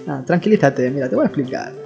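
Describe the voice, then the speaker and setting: A man's voice: medium pitch, lively intonation, quick pace, creaky. A man doing a rambling, exasperated comic monologue, stammering and restarting his sentences. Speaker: comedian. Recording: dull sound in a long-reverb room with soft guitar.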